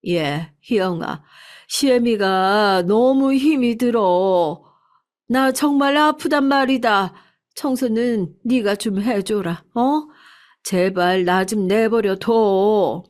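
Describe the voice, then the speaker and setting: A frail elderly mother, voiced by a woman narrator, pleads in slow, drawn-out words. Her voice sounds weak and worn. She begs for peace in a spoken storybook drama. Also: mid-range voice, a little mellow, lightly acted. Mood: pleading.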